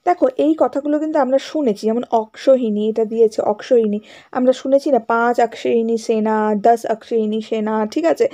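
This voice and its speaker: A woman's voice: fairly high pitch, a little fast, dark tone. A woman teacher with a West Bengal Bengali accent gives a grammar lesson, explaining step by step, checking often that students follow, and mixing English words into her talk. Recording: dull lo-fi sound.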